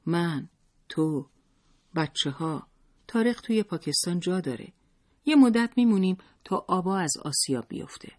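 Male narrator puts on a desperate young woman for an audiobook, pleading through tears, higher and slightly husky. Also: lively intonation, a little mellow.

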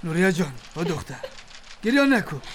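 An actor with an Afghan Dari accent plays a commanding middle-aged man who is both a company boss and a father, scolding in a high, very animated voice. A faint hiss or hum runs under the recording.

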